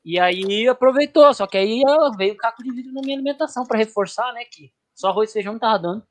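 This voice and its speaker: A man hosting a casual chat, telling jokey stories in a slangy, lively way. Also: very high-pitched, quick pace. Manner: joking storyteller, lively slangy delivery. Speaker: host.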